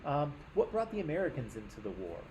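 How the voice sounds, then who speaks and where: A man's voice: on the high side, huge pitch swings, fast talker, a little mellow, slight background noise, low-quality recording. A man teaching a history class in a classroom, talking conversationally and often checking in with "right?".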